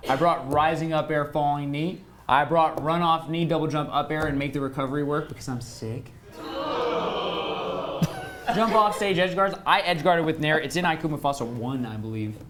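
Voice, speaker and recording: A man's voice: a little high, normal speed, a bit bright, a little hiss or hum. A man co-hosting a late night panel chat, boastful and playfully argumentative, laughing often. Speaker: co-host of a late night show.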